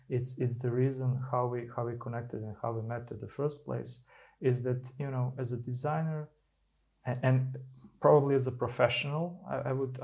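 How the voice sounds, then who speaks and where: Gravelly podcast host, halting speech. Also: male voice, mid-range voice, mellow. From Serbia. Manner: halting, many restarts. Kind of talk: casual interview talk.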